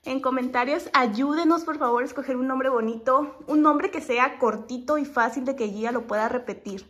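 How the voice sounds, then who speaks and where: A young mother, chatting casually to her phone camera for a family vlog and using soft baby talk with her little daughter. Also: high voice, moderate pace. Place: at home and in a car.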